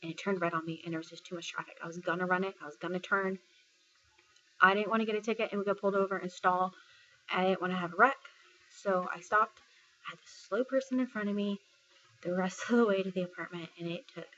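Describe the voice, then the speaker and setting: A woman's voice: on the low side, steady tone, fast, pushed and bright, muffled recording, slight background noise. A woman from Texas, a military service member retelling a personal story in a casual vlog, full of fillers and quoting what others said. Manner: conversational retelling, filler-heavy, quotes others' words.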